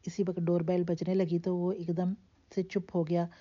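A woman narrating a novel aloud in an even, steady storytelling manner. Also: on the low side. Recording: dull lo-fi recording.

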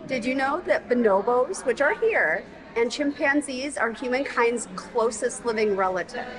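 A woman with a high, animated voice chats casually and playfully. Crowd noise surrounds her outdoors. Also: moderate pace, rough recording. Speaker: family member on a vlog. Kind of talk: casual chat. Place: outdoors at a zoo.

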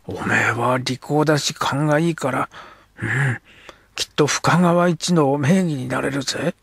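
A man voicing a rough, sulky young Edo street boy who talks in coarse slang. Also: mid-range voice, measured pace, fairly bright tone, dry recording, full character voice. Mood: sulky, gruff. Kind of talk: audiobook character voice.

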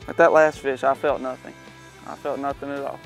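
A man in his thirties, hosting a fishing show, talks casually while fishing from a boat on a pond, easygoing and now and then excited. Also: medium pitch, a little fast, faint music behind. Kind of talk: casual on-the-water fishing instruction.

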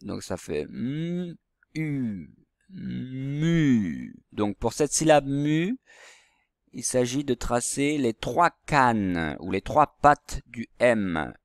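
Slow, patient male teacher, dry sound. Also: mid-range voice, expressive, dry recording. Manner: slow, patient, step-by-step instruction. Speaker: primary school teacher. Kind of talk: handwriting lesson for young children.

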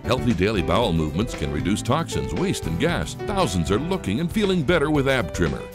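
Male announcer for hard-sell infomercial narration, lively swooping delivery over a music bed. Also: on the low side, brisk. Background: music bed with guitar.

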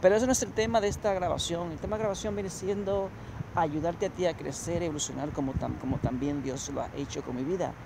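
Walking along a city promenade at night, a motivational coach in his thirties delivers a vlog monologue to the phone camera in his hand, preaching, repeating his points and addressing the viewer directly. His voice is on the high side, quick and creaky. The outdoor phone audio is noisy, with street ambience and passing traffic.

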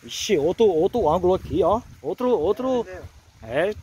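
A man, vlogging excitedly outdoors at a water park, shouting cheerfully and praising God. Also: high voice, moderate pace. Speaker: YouTuber and pastor. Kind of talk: casual vlog narration.

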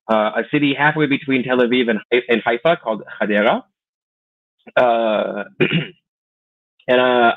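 A man in his thirties from the United States, a teacher and clown, joins a casual video call interview as a guest, chatting playfully with quick asides and an American accent. His voice is mid-range, coming through a webcam in a small indoor room with tinny, phone-like sound.

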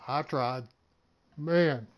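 A man's voice: medium pitch, drawn-out words, slight background noise. A man chatting casually while playing a video game, with a profane, grumbling manner. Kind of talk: casual gaming chat.

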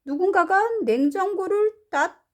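A woman's voice: very high-pitched, measured pace, voice pushed up. A woman voicing a startled, fussing mother in a picture-book read-aloud, exclaiming in alarm.

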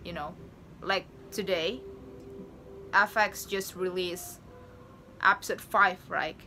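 A young woman with a fairly low, steady voice hosts a reaction video from a small bedroom with posters, chatting slowly in casual English that isn't her first language. Her delivery is pushed and bright, with a slight hiss or hum in the recording.

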